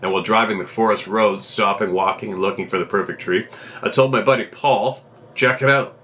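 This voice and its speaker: Man with a bright, lowish voice reading aloud. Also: a little fast, slight background noise. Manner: steady, plain storytelling delivery with small restarts. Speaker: host reading a viewer's letter. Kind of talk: reading a submitted encounter story aloud.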